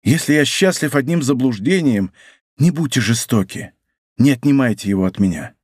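A man's voice: medium pitch, animated, normal speed, a little mellow, breathy edge, no room sound, studio quality. A man playing an ardent, lovesick duke. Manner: ardent, impassioned declarations. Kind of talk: audiobook character reading.

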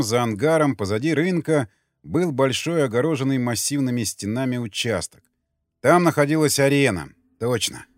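Male audiobook narrator, mid-pitched, tense and vivid delivery, faint music bed. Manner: tense, vivid reading that rises for loud quoted lines.

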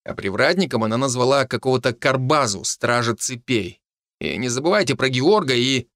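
A man's voice: mid-range voice, expressive, moderate pace, fairly bright tone, no echo, studio quality. A man voicing a tough teenage hero who speaks in a curt, commanding way. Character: tough, sharp teen hero, street fighter inside.

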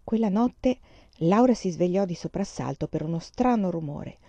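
A woman reading a children's novel aloud in a calm, measured storytelling manner. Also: fairly low pitch, no room sound, muffled recording. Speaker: reader. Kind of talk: audiobook narration.

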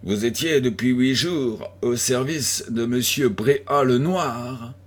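A man voicing a calm, authoritative middle-aged police commissioner who questions a suspect in a storybook reading. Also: medium pitch, slow, breathy edge. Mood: calm questioning.

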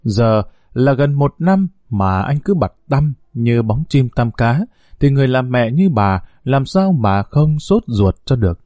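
A man narrating a scripted audio story in a steady storytelling manner. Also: mid-range voice, unhurried, no room sound, studio quality.

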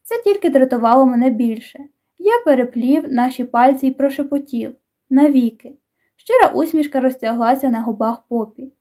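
A woman narrates an audiobook in calm, even storytelling. Her voice sits high and sounds soft and mellow. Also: fairly quick. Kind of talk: scripted narration.

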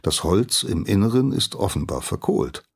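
A man narrating a scripted story in a calm, measured manner. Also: sits low, gravelly, breathy edge.

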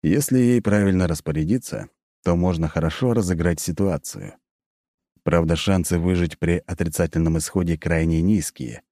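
A man reading first-person audiobook narration in a calm, measured way. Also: sits low, dry recording, studio quality.

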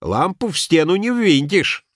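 A man doing a cocky, gruff male handyman. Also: on the high side, very animated, a little slow, no room sound, clean studio sound, pitched above the performer's own voice. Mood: smug. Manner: rough colloquial speech, offhand and cocky. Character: gruff male handyman, crude, stubborn and boastful. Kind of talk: storybook reading.

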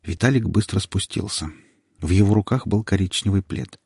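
A man narrating a first-person audiobook in a steady, dramatic storytelling manner. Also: low voice, moderate pace, breathy edge, no echo, clean studio sound. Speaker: audiobook reader.

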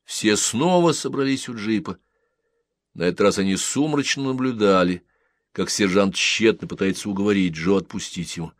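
A man reading a short story aloud as an audiobook narrator, with even, expressive delivery. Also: fairly low pitch, normal speed, no echo.

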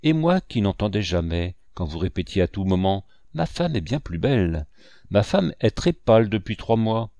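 A man reading the part of a gruff, teasing old uncle who is a painter, in a dry, mocking tone. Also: lowish voice, big pitch swings, normal speed, mellow, no echo. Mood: taquin. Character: vieil oncle peintre, bourru et taquin.

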